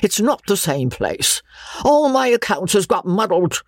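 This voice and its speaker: A reader acts out a rough-spoken old baronet with a gravelly, husky voice. He pleads bluntly in coarse country grammar, his pitch swinging high. The recording is dry and close. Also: very animated, unhurried, dry recording, heavily acted. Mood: pleading. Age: older. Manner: rustic ungrammatical speech, pleading.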